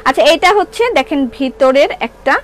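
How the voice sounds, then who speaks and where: A woman's voice: high voice, brisk, rough recording. A middle-aged woman with a Bangladeshi Bengali accent selling clothes on a live stream, chatting and answering viewer comments. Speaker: online shop seller. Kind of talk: live-stream product sale.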